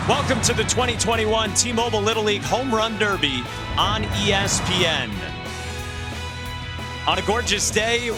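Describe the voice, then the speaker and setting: Upbeat male sports announcer over music. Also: sits high. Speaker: play-by-play announcer. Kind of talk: sports broadcast commentary. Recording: music bed behind the voice.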